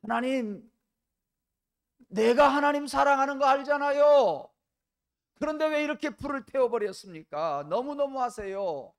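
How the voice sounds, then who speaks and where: A man voicing a shipwrecked castaway who shouts and pleads with God in despair, in a raised, strained voice. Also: extremely high pitch, lively intonation, unhurried, pitched above the performer's own voice, full character voice. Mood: anguished pleading.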